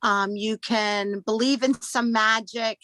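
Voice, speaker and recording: A middle-aged woman, a podcast host's mother, recalling a family memory in an interview, speaking haltingly with many fillers and fighting back tears. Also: a little high, steady tone, pushed and bright, no room sound, poor audio. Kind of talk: emotional interview.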